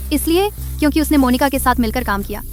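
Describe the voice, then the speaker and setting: A woman voicing a proud young heiress who runs her family's company in a dubbed drama, guarded and sharp-tongued. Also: high-pitched, expressive, fast talker. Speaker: company chairwoman.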